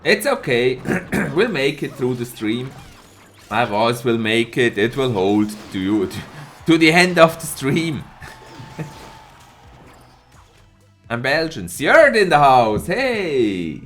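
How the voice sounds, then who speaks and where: A man's voice: medium pitch, slow pace, long pauses, soft background music. A man with a slight cold commentating an esports match and chatting with viewers, laughing often. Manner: lively, laughs often, greets chat viewers by name. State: a bit hoarse from a cold. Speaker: esports caster and streamer. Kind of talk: live tournament commentary with chat replies.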